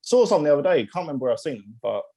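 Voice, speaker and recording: A man's voice: fairly high pitch, very animated, very fast, dark tone. A man chatting casually on a podcast, talking in loose, restarting sentences and swearing freely. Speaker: podcast co-host. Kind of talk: casual chat.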